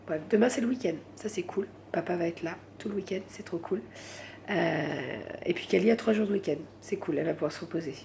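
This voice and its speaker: Woman rambling in a late night home vlog, very gravelly fry, bit of faint noise behind. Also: on the low side, a little fast, a little mellow. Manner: chatty, rambling, says voilà a lot. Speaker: vlogger.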